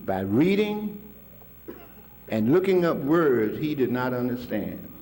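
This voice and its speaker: An older man with a warm, medium-pitched, sing-song voice takes his time telling stories to an audience. He's recalling a mentor in a colloquial way and chuckles often.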